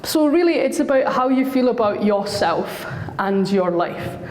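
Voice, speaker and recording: Speaking to parents in an echoey hall, this Scottish woman, a school counsellor, keeps her talk warm and chatty even with a slightly sore throat. Her voice is a little high and darkish in tone, animated yet unhurried.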